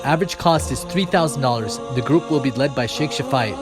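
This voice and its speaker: A man reading a scripted promotional announcement in an even, read-out manner. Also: mid-range voice, a little fast, music in the background.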